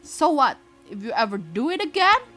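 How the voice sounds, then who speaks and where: A woman's voice: sits high, big pitch swings, moderate pace, sharp tone, soft background music, pitched above the performer's own voice, exaggerated voice. A woman voicing a mocking, swaggering teenage bully in a visual novel. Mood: taunting. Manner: taunting.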